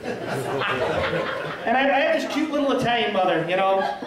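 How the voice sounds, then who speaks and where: A man's voice: high voice, big pitch swings, a little slow. A man doing a self-deprecating stand-up comedy set of punchy one-liners in a small restaurant. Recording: echoey room, far from mic, crowd laughing.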